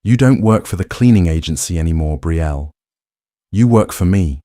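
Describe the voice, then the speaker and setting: A man voicing a cold, menacing male mafia boss in a low gravelly baritone, quiet and commanding. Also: animated, normal speed, dry recording, clean studio sound.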